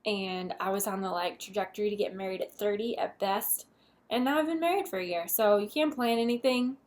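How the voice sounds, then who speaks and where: A woman's voice: mid-range voice, fairly quick, a little mellow. Chatty young woman giving advice. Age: 20s. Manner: chatty and candid, with whispered asides. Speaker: vlogger. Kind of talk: casual advice vlog.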